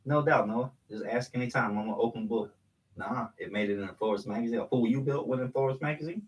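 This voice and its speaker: A man's voice: mid-range voice, brisk, distant mic, poor audio. A man in his forties, a podcast co-host, telling candid stories in a rambling casual chat.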